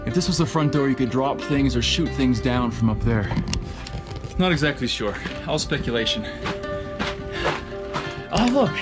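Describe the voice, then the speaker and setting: A man's voice: mid-range voice, expressive, normal speed, long pauses, over music. A man eagerly exploring a castle ruin outdoors, talking to his camera, slightly out of breath and wondering aloud at what he finds. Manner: eager, wondering aloud, keeps saying look. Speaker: adventure vlogger. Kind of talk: excited exploration vlog.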